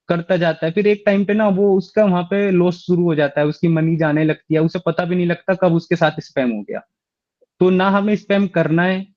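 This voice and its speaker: A man's voice: high voice, a little mellow, no echo, lo-fi sound. A man lecturing schoolchildren, explaining step by step and often checking whether they follow. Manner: explanatory, with frequent rhetorical check-ins. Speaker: instructor for schoolchildren. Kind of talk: classroom lecture.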